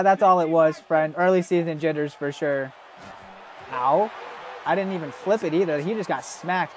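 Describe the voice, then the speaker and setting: Chatty high-voiced young male streamer. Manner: chatty, swears often, greets viewers by name. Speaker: gaming streamer. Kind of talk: casual live gameplay commentary.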